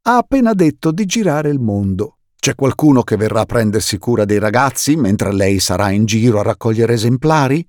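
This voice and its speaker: A man's voice: mid-range voice, big pitch swings, a little fast, hardly any pauses, darkish tone, no room sound, studio quality, lightly acted. Guy doing a stiff polite banker, raised voice, formal and awkward, storybook reading. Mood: stiffly polite. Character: stiff formal middle-aged male banker.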